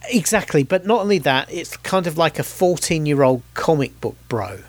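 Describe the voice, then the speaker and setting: A man co-hosting a podcast, in animated, casual film review chat with frequent restarts and quick laughs. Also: a little high, no echo. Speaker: podcast co-host.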